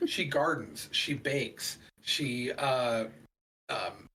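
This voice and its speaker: Middle-aged guy rambling on a podcast, husky voice, kinda far from the mic. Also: medium pitch, very animated, extremely slow, a bit bright. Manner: rambling, with many fillers. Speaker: podcast co-host. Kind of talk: casual chat.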